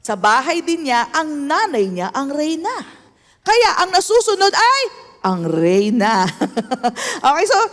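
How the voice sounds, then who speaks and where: A woman's voice: high voice, very animated, measured pace. A woman pastor with a Filipino accent preaching a sermon, switching between Tagalog and English and calling for amens from the congregation. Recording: echoey hall.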